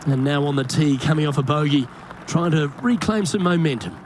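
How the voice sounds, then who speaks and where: A man calling golf shots as play-by-play commentator, measured and handing over to his colleagues. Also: fairly high pitch, soft background music. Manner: measured, calls each shot and hands over to colleagues. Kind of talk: sports commentary.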